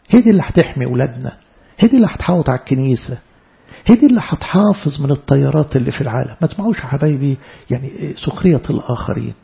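A man's voice: fairly high pitch, vocal fry, muffled recording. A man with an Egyptian accent preaching a sermon to church servants, emphatic, often repeating and stumbling over words. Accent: Egyptian Arabic.

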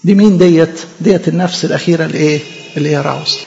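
Brief: high, rapid Egyptian male preacher with a gravelly edge, fervent, in an echoey hall on a dull recording. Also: steady tone, a little mellow. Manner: fervent, asks and answers his own questions. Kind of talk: sermon.

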